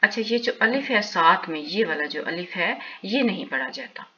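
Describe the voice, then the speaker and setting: A woman teaching Quran reading, drilling letter sounds one by one in a slow, deliberate chant. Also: lowish voice, lively intonation, sharp tone, lo-fi sound, a little hiss or hum. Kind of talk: slow step-by-step recitation lesson.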